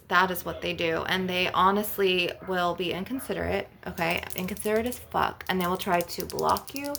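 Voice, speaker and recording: A woman healer addresses her video audience during a spiritual ASMR session, speaking informally and emphatically with casual fillers, lots of "you know," and some swearing. Her voice sits fairly low with vocal fry and a bit of brightness, and there's slight background noise.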